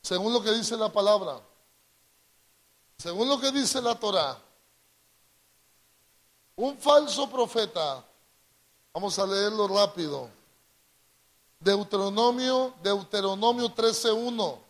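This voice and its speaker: A man's voice: high voice, expressive. A man with a Latin American Spanish accent preaching a call-and-response sermon, drawing out key words and prompting the congregation to repeat after him. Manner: drawn-out emphatic delivery, prompts congregation to repeat.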